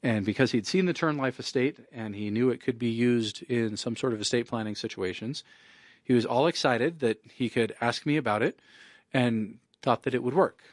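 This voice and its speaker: A man's voice: medium pitch, normal speed, dry recording, studio quality. A man who works as an estate planning attorney, talking in a wry, conversational way and leaning on "you know". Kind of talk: casual spoken monologue.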